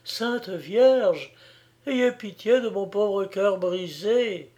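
A man reading an audiobook, voicing a gentle young woman who pleads tenderly and softly. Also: high voice, drawn-out words, voice pushed up. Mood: tender, sorrowful.

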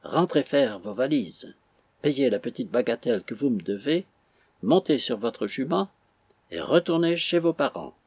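A man's voice: mid-range voice, expressive, a little slow, darkish tone, husky, no room sound. A man reading an audiobook, voicing a shrewd stableman who gives confiding, fatherly advice. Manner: confiding, advising.

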